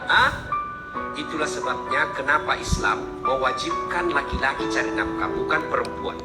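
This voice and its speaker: A man's voice: mid-range voice, lively intonation, normal speed, over loud music. A man preaching a sermon, emphatically putting questions straight to the women listening.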